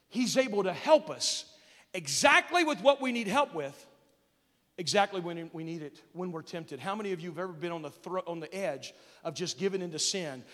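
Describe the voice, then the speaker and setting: A man with a high-pitched voice preaches as a pastor to a room of kids. He throws questions at his listeners and swells into loud, emphatic bursts, his words trailing off into the long reverb of a large hall. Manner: preaching with call-and-response questions, rising to loud emphatic peaks. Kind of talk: sermon to kids at a camp.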